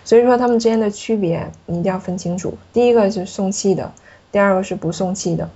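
A woman's voice: medium pitch, fast talker, warm tone, breathy edge, muffled recording. A woman explaining French pronunciation patiently, demonstrating sounds in a lesson. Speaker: French teacher.

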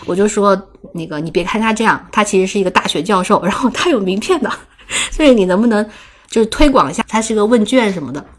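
A young woman co-hosting a casual chat show, telling a story with lively energy and frequent laughter. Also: mid-range voice, fast. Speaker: podcast co-host.

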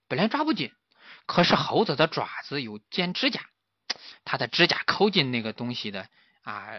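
A man's voice: medium pitch, dry recording. A man, a father, animatedly telling a playful children's story to his son, with frequent exclamations. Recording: slightly muffled dry recording.

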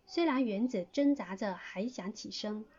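A woman's voice: medium pitch, normal speed, darkish tone, breathy edge, dull audio. A woman student reading a story passage aloud as narration practice.

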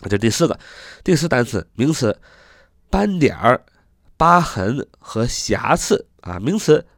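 Lively sing-song male English teacher. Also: medium pitch, no echo, studio quality. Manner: repeats words over and over, spells letters out slowly. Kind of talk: lesson, reading and spelling words slowly.

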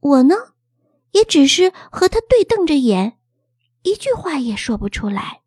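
High, lively woman reading a story. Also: measured pace, no room sound, studio quality. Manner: expressive, childlike storyteller. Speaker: narrator.

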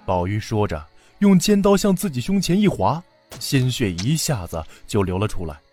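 A man narrating a classic novel for children in an expressive, dramatic storytelling manner. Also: medium pitch, normal speed, faint music behind.

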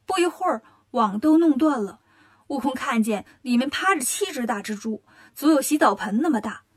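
Lady reading a kids story, bright high voice, lively and expressive. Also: normal speed. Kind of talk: children's story narration.

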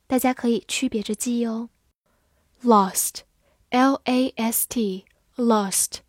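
Slow, careful woman teaching vocabulary. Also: a little high, no room sound, studio quality. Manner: slow, deliberate spelling and repetition of words. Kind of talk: scripted vocabulary lesson.

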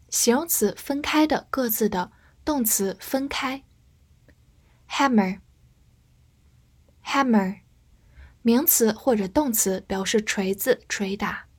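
Slow, breathy woman teaching vocabulary. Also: fairly high pitch. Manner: slow, careful spelling and read-along drills. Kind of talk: scripted vocabulary lesson.

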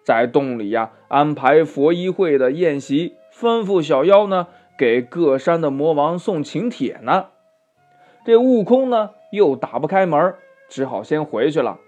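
A man narrating a children's story, gently drawing out his sentence endings. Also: on the high side, lively intonation, a little slow, lo-fi sound, soft background music.

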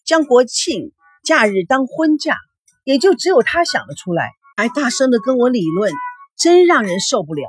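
一位女声演绎的满腹牢骚的准新娘. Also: female voice, on the high side, big pitch swings, normal speed, faint music behind, pitched above the performer's own voice. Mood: complaining. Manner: grumbling, exasperated. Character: sulky young bride-to-be complaining.

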